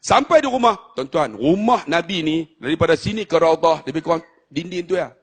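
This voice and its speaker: A lively preacher with a northern Malaysian Malay accent and a fairly high voice. He teases the congregation in loud bursts, then sinks into quiet, solemn storytelling. His sermon delivery is highly animated. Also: fairly quick, breathy edge. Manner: animated, swings between loud teasing and low hushed storytelling.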